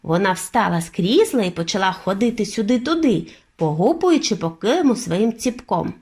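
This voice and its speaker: A woman reading a bedtime story aloud for children, mid-pitched and clear. Her narration is expressive, with a lively rise and fall through every sentence. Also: normal speed. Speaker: audiobook reader.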